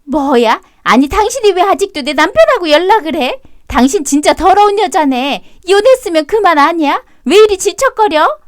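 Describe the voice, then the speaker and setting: A woman voicing an obsessive, clingy mistress in her forties who talks in a shrill, indignant, bossy way. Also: big pitch swings, moderate pace, hardly any pauses, no room sound, clean studio sound. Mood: shrill angry.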